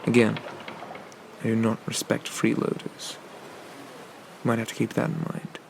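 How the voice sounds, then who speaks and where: A man playing a flirty, teasing, gentlemanly pirate captain in an ASMR whispered role-play, with gravelly, murmured delivery. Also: fairly low pitch, completely flat delivery, a little slow, background noise. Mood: wry, commanding. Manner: leisurely, teasing, roguish, murmured asides.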